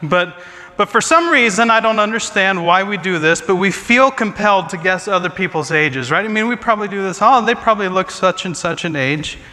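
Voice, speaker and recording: Pitched high with lively intonation, this man in his forties talks a little fast in a pushed, bright tone. A pastor, he gives a funny, self-deprecating sermon full of chatty asides, recorded with long reverb in a large hall.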